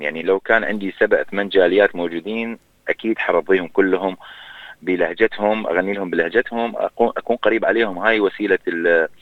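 Fast-talking Iraqi man on a phone line. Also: low-pitched, dry recording. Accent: Iraqi Arabic. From Iraq. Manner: hesitant, restarts with drawn-out fillers. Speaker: singer being interviewed. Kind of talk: casual interview talk. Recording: tinny dry phone line.

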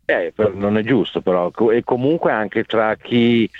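A man's voice: fairly low pitch, unhurried, no echo. A man calling in to a radio show, giving his opinion in casual chat. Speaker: radio phone-in caller. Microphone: phone call. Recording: narrow, tinny phone line.

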